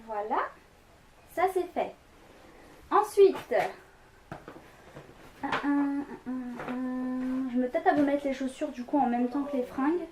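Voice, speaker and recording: A woman's voice: high-pitched, slow, darkish tone, slight background noise. A young woman talking casually at home, rambling through a haul video with lots of fillers. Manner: chatty, rambling, many fillers. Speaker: vlogger.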